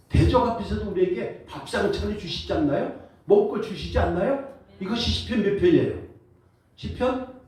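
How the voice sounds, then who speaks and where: A man preaching as pastor, lively and joking, calling for responses from the congregation. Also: high-pitched. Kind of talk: sermon. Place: church sanctuary. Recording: echoey church hall, voice from far off.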